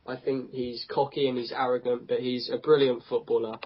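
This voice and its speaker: A man's voice: mid-range voice, level tone, brisk, slight background noise. Man, football podcast contributor, plain and opinionated, muffled lo-fi sound. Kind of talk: casual football podcast chat. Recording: dull lo-fi podcast audio.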